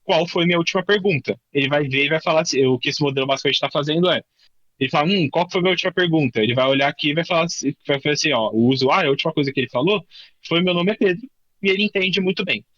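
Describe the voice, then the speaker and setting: A man's voice: on the high side, a bit bright, dry recording, highs cut off. A man with a Brazilian Portuguese accent giving a live coding workshop, talking informally and thinking aloud with many restarts. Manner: says he tends to talk fast. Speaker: workshop instructor.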